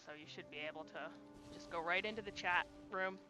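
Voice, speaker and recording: A gaming streamer with a fairly low voice talks a little fast over music, chatting offhandedly with viewers and swearing casually while she plays a video game live.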